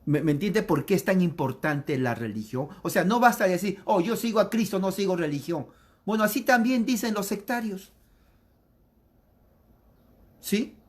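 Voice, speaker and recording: A man's voice: high voice, animated, moderate pace, pauses often. A man preaching a catechism lesson in an emphatic, repetitive way, acting out opponents' objections in quoted voices. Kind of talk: sermon.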